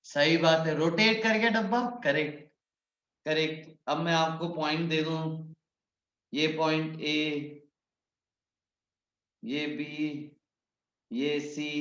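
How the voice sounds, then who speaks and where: Teaching physics online, a man whose fairly bright voice sits on the high side encourages students by name and slips English physics terms into what he says. The audio comes from a muffled, echoey room.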